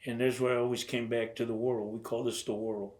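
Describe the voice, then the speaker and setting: A man's voice: medium pitch, little pitch movement, darkish tone. Older man telling war stories. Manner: storytelling, acts out quoted dialogue, halting restarts. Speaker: interviewee, veteran. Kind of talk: oral history interview.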